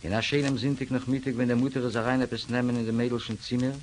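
A man narrating a radio drama in a measured storytelling manner. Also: medium pitch, little pitch movement, darkish tone, poor audio. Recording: hissy old radio recording.

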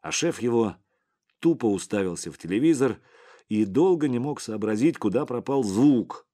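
A man reading an audiobook in a steady, unhurried way. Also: medium pitch. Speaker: audiobook narrator. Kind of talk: scripted narration.

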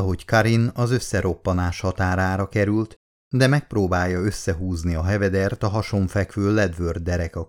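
A man reading an audiobook in a measured, dramatic way. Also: lowish voice, a little mellow. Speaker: audiobook narrator. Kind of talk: scripted narration.

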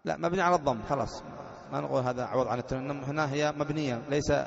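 A male sheikh gives a classroom grammar lesson. He dictates slowly, repeats himself and calls on students to answer. The recording is muffled and echoey, with a room full of listeners behind him. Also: mid-range voice, gravelly. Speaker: sheikh teaching Arabic grammar. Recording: dull, echoey hall recording with a crowd behind.

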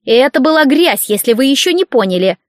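Shrill, grating older woman client from a storybook, bossy and squabbling, put on by a woman reader; very high and loud. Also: sing-song, fairly quick, no room sound, clean studio sound. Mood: indignant.

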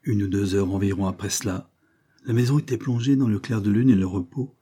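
Low, husky male narrator. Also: brisk, dark tone. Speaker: audiobook narrator. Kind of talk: scripted narration.

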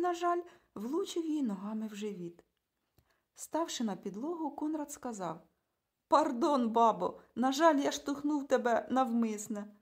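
Husky, lively woman reading a story. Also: a little high. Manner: expressive storytelling. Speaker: narrator. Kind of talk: audiobook narration.

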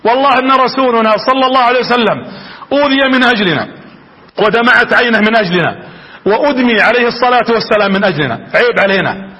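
Male preacher, very high bright voice, fervent storytelling lecture. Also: fast, rough recording. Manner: fervent, addresses the audience directly.

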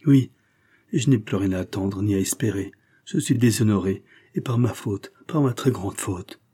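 A guilt-ridden young man pours out his confession to his mother with rising emotion, voiced by a male reader. His voice is dark and husky, sitting fairly low. An audiobook performance of a classic novel. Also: moderate pace. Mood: remorseful. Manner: emotional and self-accusing.

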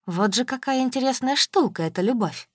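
A woman's voice: high-pitched, expressive, fairly quick, dry recording, clean studio sound. A woman narrating an audiobook in the first person, in a wry, ironic way.

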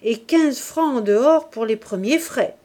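Curt, money-hungry innkeeper husband in a storybook reading, as a woman reader puts him on, slow and demanding. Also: fairly high pitch, lively intonation, mellow. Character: greedy innkeeper man, gruff, shouting from afar.

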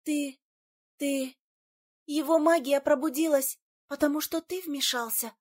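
A woman reading an audiobook, voicing the heroine's anxious young female friend in a hushed, urgent tone. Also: sits high, steady tone, a little slow.

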